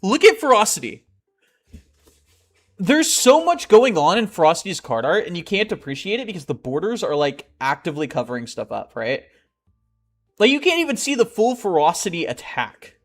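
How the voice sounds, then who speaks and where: Excitable young streamer guy, high lively voice. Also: normal speed, faint music behind. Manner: excitable and rambling, often laughing. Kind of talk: casual chat to live chat while playing.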